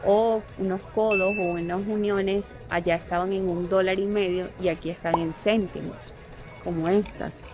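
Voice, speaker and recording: A woman's voice: mid-range voice, fairly even intonation, normal speed. Venezuelan woman vlogging in a big store, reading off prices, faint music in the back. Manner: chatty, reading out prices while browsing. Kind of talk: casual vlog tour. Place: large hardware store in a mall, indoors.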